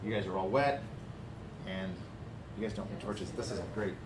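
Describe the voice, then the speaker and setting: A man's voice: low-pitched, normal speed. A man narrating as game master, describing scenes casually with fillers. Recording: echoey room with background noise.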